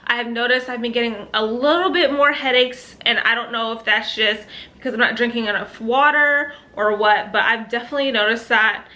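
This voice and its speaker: Bright, chatty young woman vlogger. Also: on the high side, fairly quick. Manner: chatty and upbeat, laughing between thoughts. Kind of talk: casual chat to camera.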